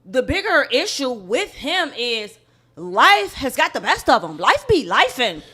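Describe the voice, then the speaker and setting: An outspoken woman co-hosting a casual podcast, her voice sitting a little high and sounding bright and forceful. She talks bluntly and freely with her co-host. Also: sing-song, unhurried, husky.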